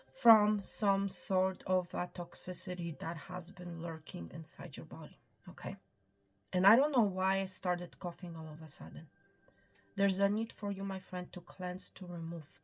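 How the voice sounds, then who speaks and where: Speaking to camera over soft background music, this woman does a tarot-style spiritual reading in a lowish, gravelly, breathy voice. She is soft and reassuring as a psychic reader, sometimes sinking to a whisper and leaning on "okay" and "my friend."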